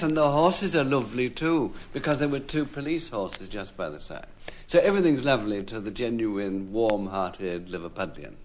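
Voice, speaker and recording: A man reminiscing fondly and telling a short anecdote in an interview. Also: mid-range voice. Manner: fond, anecdotal.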